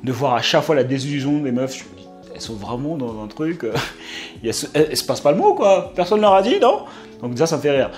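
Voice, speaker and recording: Animated young man giving streetwise dating advice. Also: a little high, fast, faint music behind. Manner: animated, streetwise, slangy and joking. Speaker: dating advice video host. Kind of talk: casual storytelling advice talk.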